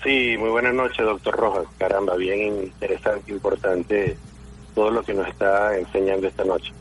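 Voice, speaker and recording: A man's voice: on the low side, steady tone, moderate pace, a little hiss or hum, poor audio. A man from Venezuela calling in to a radio show, polite and earnest as he tells a story. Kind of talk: phone-in comment.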